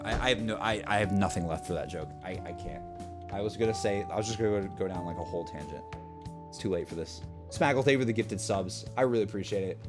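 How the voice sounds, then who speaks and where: A man streaming a game, chatting casually and rambling to his chat. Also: medium pitch. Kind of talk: casual gameplay commentary.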